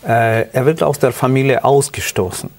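A middle-aged man from Ukraine with a Ukrainian accent, earnestly telling his life story as a guest in halting German. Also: medium pitch, a little mellow. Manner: earnest, halting non-native German with restarts. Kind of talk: personal testimony interview.

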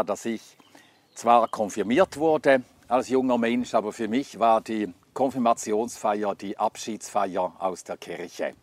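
On the low side and with no room sound at all, this older man's voice delivers a personal life testimony. He's from Scandinavia with Swedish as his first language, and he speaks reflectively and hesitantly, with many fillers.

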